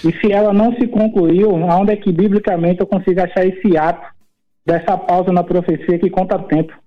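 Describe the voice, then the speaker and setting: A man calls in over the phone, and his high voice comes through a thin, phone-like line with faint music underneath. He lays out his question earnestly and methodically, one point at a time. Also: steady tone, brisk. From Recife, Pernambuco, Brazil. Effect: heard over the phone line. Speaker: caller. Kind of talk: call-in question to a pastor.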